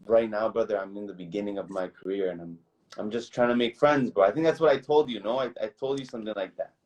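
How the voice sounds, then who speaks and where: A young man from Toronto talks as a podcast guest, slightly low in pitch. He rambles easily, calling the host bro and man along the way, and comes through a remote call microphone. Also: fast, darkish tone, rough recording. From Toronto, Canada. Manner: easygoing, rambling, says bro and man often. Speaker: guest, recording artist. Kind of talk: casual interview chat.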